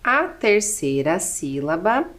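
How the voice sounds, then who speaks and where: A woman with a Brazilian Portuguese accent teaches a children's lesson at a slow, unhurried pace. Her pitch rises and falls in a lively, animated way as she counts aloud step by step. She keeps asking gentle rhetorical questions.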